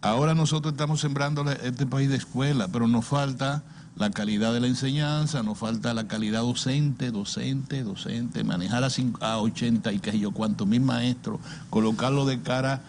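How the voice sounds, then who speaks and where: A man's voice: medium pitch, steady tone, moderate pace, darkish tone. Older Dominican man, emphatic political talker, faint noise. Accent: Dominican Caribbean Spanish. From Dominican Republic. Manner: emphatic, repeats words, rhetorical questions. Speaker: political commentator on a talk show. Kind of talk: opinionated political discussion.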